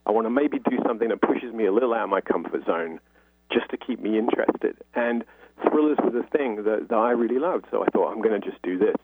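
He speaks quickly and animatedly in a lower register, a man being interviewed who explains things at length in a chatty, conversational style. "You know" comes up often, and the sound is thin, like a phone line.

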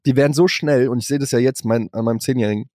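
A man in his forties co-hosting a podcast, ranting casually and swearing freely as he acts out the people he quotes. His voice sits at an ordinary middle pitch. The sound is dry and close, with no room around it. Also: very fast, dark tone, no echo. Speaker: podcast co-host. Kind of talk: casual chat.

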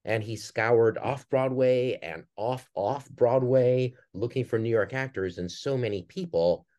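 This is a theater director from Minnesota, middle-aged, guesting on a podcast and answering interview questions in an earnest, thoughtful way with his regional accent. He sounds warm and unhurried at medium pitch, though the highs are cut off.

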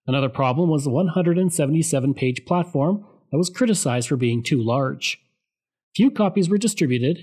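A man giving a scripted, steady explanatory narration of political history. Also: on the high side.

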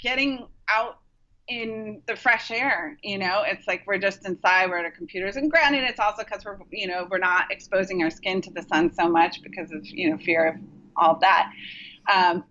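A woman's voice: mid-range voice, normal speed, bright, forceful tone, muffled recording. A woman acupuncturist talking casually as a podcast guest, rambling with many fillers and restarts. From Rochester, New York.

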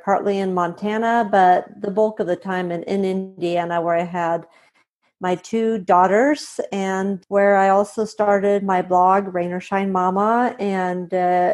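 Brief: woman, 40s, guest author, easygoing and unhurried, filler-heavy talk. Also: medium pitch. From Sweden. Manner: relaxed, with frequent ums and uhs. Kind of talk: conversational interview answers.

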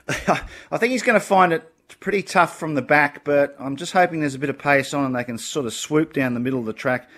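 An Australian horse racing tipster with a mid-range, slightly bright voice runs through his picks on a panel show. He's casual, confident, blokey, and opinionated.

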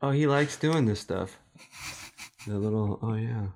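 A man's voice: lowish voice, a little slow, darkish tone. A man in a casual group chat about skateboarding, using loose skater slang. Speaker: panelist.

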